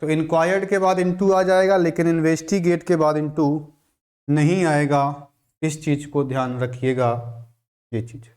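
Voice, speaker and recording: A man teaching a grammar lesson for exam students. His voice sits a little high and he talks slowly. He goes over each rule again and again as he explains it. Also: fairly even intonation, darkish tone. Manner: slow, repetitive explaining, restating each rule.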